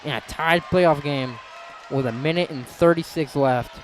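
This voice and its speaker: A young man calling a high school basketball playoff game play by play, getting loud at the big plays. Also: unhurried, a faint crowd, slight background noise. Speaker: play-by-play announcer. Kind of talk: live basketball commentary.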